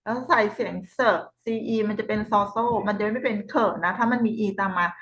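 A woman with a Thai accent tutoring a child in phonics, sounding out English words slowly and patiently. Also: medium pitch, a bit bright. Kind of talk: phonics lesson. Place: home tutoring room. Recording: dull lo-fi recording.

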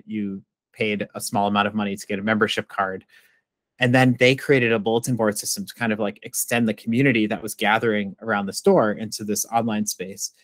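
A man's voice: fairly low pitch, no room sound. Man in his 30s from massachusetts, professor on a video call, dry sound, says "like" a lot. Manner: thoughtful, frequent "like" fillers, expressive hand gestures. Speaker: guest, professor and author. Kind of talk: conversational interview answer. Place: home office. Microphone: video call with earbuds.

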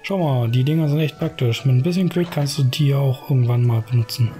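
A man's voice: mid-range voice, fairly quick, music in the background, natural voice. Man reading as a brash little fairy sidekick. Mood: upbeat. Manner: slangy, blunt, grumbling. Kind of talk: reading game dialogue aloud.

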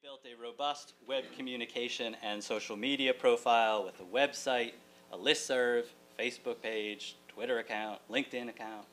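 Captured on a distant camera with hum and room noise, a middle-aged man gives a prepared keynote from a lecture hall podium. He is a college writing teacher, articulate and wry, with joking asides. His medium-pitched voice stays fairly even at a moderate pace, and crowd noise can be heard.

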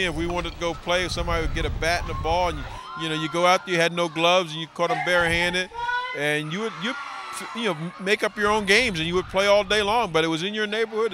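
A man's voice: high-pitched, noisy background. An older man from New Jersey recalling his neighborhood childhood games in an outdoor interview at a ballpark. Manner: nostalgic storytelling. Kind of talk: casual interview answers. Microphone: handheld reporter mic.

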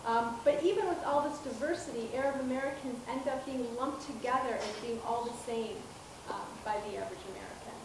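On a dark auditorium stage beside a projector screen, a soft-spoken woman professor lectures an audience in a voice on the high side, measured and punctuated by frequent ums and restarts. A far camera records her handheld-mic speech, giving a distant, echoey hall sound with room noise.

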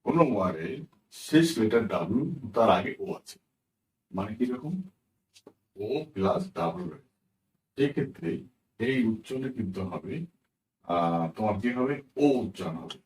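A man with a lowish, slightly mellow voice and lively intonation teaches English pronunciation, spelling words letter by letter, repeating them slowly and often asking "right?" as he explains the lesson. The recording is rough, echoey and far from the mic.

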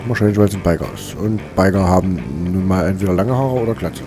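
A man casually commenting on his gameplay, excitable and mocking, with frequent swearing. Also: low voice, fast. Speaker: let's play host. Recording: game music behind voice.

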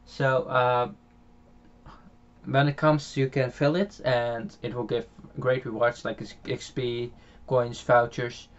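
A young Dutch man from the Netherlands hosts a gaming channel, rambling through casual gameplay commentary at home with lots of fillers, restarts and frequent chuckles. His mid-range voice moves little in pitch and he speaks slowly. The audio from his home microphone sounds dull.

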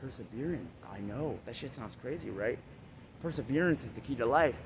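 A man's voice: mid-range voice, expressive, a little fast. Man, hyped motivational vlogger, boastful and profane, faint street noise behind him. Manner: boastful, hyped, swears freely. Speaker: vlogger giving motivational advice. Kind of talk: casual motivational monologue.

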